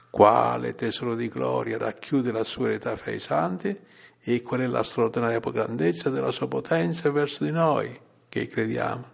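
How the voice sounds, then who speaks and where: A man delivering a sermon, reading scripture passages in a measured, solemn way with rising emphasis. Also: medium pitch, gravelly, slightly rough. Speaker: preacher.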